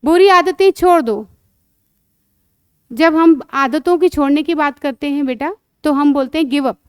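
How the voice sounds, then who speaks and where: Woman, English teacher for kids; high, dry recording, drills phrases slowly and patiently. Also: dry recording. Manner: patient, repeats phrases slowly, quizzes with questions. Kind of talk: teaching lesson to children.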